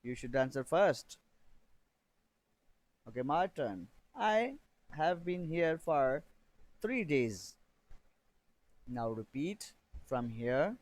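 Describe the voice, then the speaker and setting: A man teaching a beginner English lesson, reading drill sentences slowly and repeating phrases for learners to copy. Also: on the high side, big pitch swings, rough recording.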